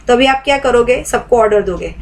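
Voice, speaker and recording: A woman's voice: fairly high pitch, lively intonation, a little fast, poor audio. A woman teaching a live online meditation class. She keeps asking the class questions to walk them through her points. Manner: asks the class many rhetorical questions.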